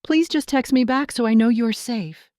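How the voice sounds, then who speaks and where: A woman's voice: a little high, normal speed, mellow, no echo, clean studio sound, voice pushed up, lightly acted. Storybook: tired grown daughter, strained and pleading, read by a woman narrator, no room sound. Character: weary adult daughter pleading with mother.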